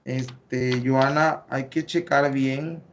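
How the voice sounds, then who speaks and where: A man's voice: mid-range voice, steady tone, extremely slow, dull audio. A man with a Mexican Spanish accent, teaching an online class and going over student work step by step, with many fillers. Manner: explains step by step, corrects patiently, many fillers.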